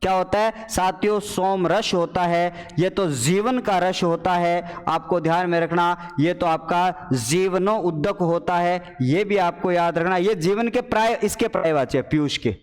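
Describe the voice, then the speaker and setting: Lively high-voiced teacher. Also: male voice, a little slow, hardly any pauses, clear, resonant tone, long reverb tail. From Rajasthan. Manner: animated, playful, addresses students as children and brothers. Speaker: Hindi exam-prep teacher. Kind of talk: live online exam paper solution class.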